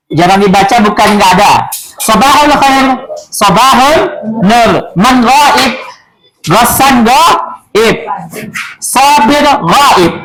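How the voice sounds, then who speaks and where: A man teaching Arabic, leading slow call-and-response drills and breaking into quick explanations and scolding. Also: high-pitched, a bit bright, poor audio. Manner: drills phrases slowly, then scolds and explains rapidly. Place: school classroom full of students. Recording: classroom with pupils chattering behind.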